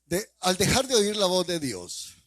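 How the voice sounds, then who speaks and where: Lively preaching pastor, questions in bursts. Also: male voice, sits high, measured pace, dry recording. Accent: Salvadoran Spanish. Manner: preaching with repeated rhetorical questions, sudden loud bursts. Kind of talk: sermon.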